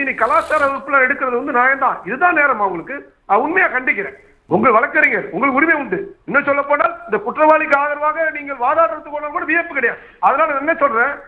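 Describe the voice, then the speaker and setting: High-voiced man on a phone line. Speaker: political debate panelist. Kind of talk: formal debate statement.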